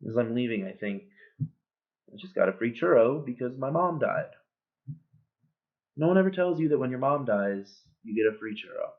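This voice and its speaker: A man's voice: medium pitch, moderate pace, long pauses, close to an everyday voice. BoJack: a man reading as a sardonic washed-up horse. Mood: wry storytelling. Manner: sardonic, deadpan joking. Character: bitter, sardonic middle-aged male horse, washed-up star. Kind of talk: cold-read monologue. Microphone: built-in computer webcam mic. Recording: tinny, phone-like webcam audio.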